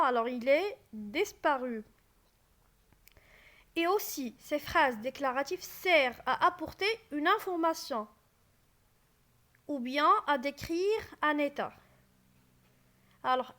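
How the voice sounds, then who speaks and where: A woman explaining French grammar in a slow classroom style, repeating key phrases and asking the class rhetorical questions. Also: high voice, pushed and bright.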